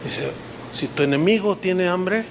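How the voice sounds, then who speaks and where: A pastor preaches in a fairly high voice, taking his time over each phrase. He tells a story and acts out the dialogue as he goes, with faint noise in the background. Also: a little slow. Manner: storytelling, acting out quoted dialogue. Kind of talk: sermon.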